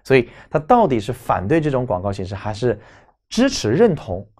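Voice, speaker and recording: A man's voice: medium pitch, lively intonation, fast talker, a little mellow. Man teaching English words, emphatic and repetitive. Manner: emphatic, repeats key words, rhetorical questions. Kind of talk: lecture explaining English vocabulary.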